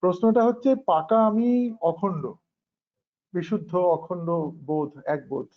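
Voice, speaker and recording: A man with a Bengali accent posing thoughtful questions in a philosophical discussion, pausing with hesitant fillers. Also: high voice, expressive. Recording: dull lo-fi recording.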